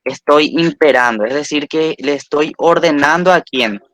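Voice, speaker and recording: A man's voice: a little high, moderate pace, a bit bright, no room sound. Patient male language teacher, dry sound. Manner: patient, spells out sounds and repeats example words. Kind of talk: recorded language lesson.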